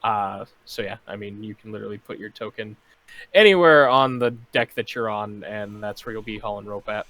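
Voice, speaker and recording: A man running a tabletop game, narrating casually with lots of fillers and pauses. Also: on the low side, a bit bright. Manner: casual, hesitant with many fillers. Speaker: game master.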